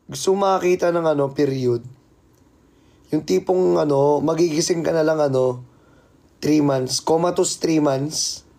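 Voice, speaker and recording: A man's voice: fairly high pitch, a little slow, creaky, long pauses, darkish tone. A man hosting a casual live stream, greeting viewers by name and teasing them playfully. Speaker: livestreamer.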